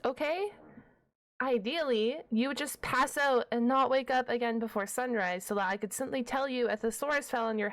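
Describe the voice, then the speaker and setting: For an ASMR roleplay audio drama, a high-voiced woman plays a shy, nerdy half-dragon librarian. Her character stammers, talks at length, gets awkwardly defensive, and sticks rigidly to the rules.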